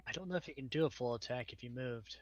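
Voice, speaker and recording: A man's voice: medium pitch, fast talker, no echo, dull audio. A man playing in a tabletop game, casually questioning and debating the rules. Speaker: player.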